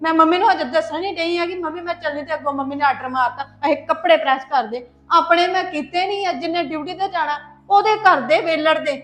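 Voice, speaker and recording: A woman's voice: very high voice, fairly quick, hardly any pauses, a bit bright, reverberant. A woman playing an angry young wife and schoolteacher ranting about her in-laws. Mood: indignant. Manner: indignant, ranting. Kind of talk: Punjabi family web drama.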